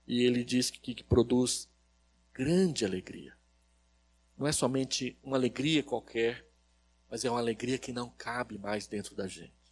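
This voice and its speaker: A man with a Brazilian Portuguese accent, a pastor giving an expository sermon at a church service, telling stories and questioning the congregation, moving between loud emphasis and soft phrases. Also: medium pitch, breathy edge. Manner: storytelling preacher who quizzes the congregation.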